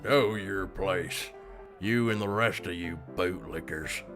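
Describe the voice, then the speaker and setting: A man's voice: sits low, takes it slowly, music in the background. An actor voicing a bigoted, bullying male saloon brawler, sneering and contemptuous.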